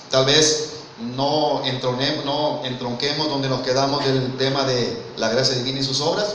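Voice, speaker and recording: Preaching earnestly in church, a Mexican man with a Mexican Spanish accent often calls listeners "brother" and poses rhetorical questions. His mid-range voice is pushed and bright. The distant mic picks up a very echoey hall and faint noise.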